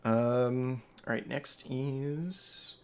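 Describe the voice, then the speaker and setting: Male GM, gravelly voice, laid-back rules talk, voice-chat mic. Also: mid-range voice, drawn-out words. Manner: relaxed, explains rules with many ums. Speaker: game master. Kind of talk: running a tabletop game over voice chat.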